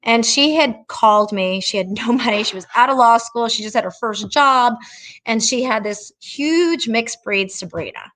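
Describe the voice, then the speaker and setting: A woman's voice: fairly high pitch, moderate pace, fairly bright tone. A middle-aged woman who trains dogs, giving direct, chatty advice in a casual talk and telling stories along the way. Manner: chatty, direct, anecdotal, emphatic. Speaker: dog trainer hosting a Q&A.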